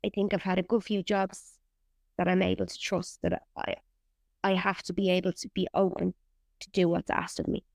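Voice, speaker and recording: Gravelly-voiced woman, candid actor. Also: fairly low pitch, level tone, normal speed, a little mellow, no echo, studio quality. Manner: candid, swears freely, laughs often. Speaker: actor and writer guest. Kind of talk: casual interview chat.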